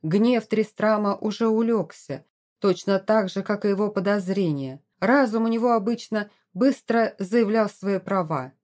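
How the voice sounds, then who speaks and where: A woman reading a romance novel aloud as an audiobook, in an expressive, dramatic way. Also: mid-range voice, a little slow. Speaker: audiobook narrator. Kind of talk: scripted narration.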